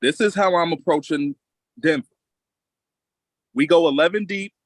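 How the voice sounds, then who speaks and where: A man's voice: on the high side, moderate pace, no room sound, low-quality recording. A man with coaching experience breaking down basketball on a casual podcast, talking emphatically and confidently and repeating lines for effect.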